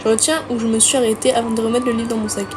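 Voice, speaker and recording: A woman's voice: a little high, flat delivery, very fast, noisy background. A woman streamer reading a visual novel aloud with casual, joking asides, with game music behind her. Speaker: let's play streamer. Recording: music playing underneath.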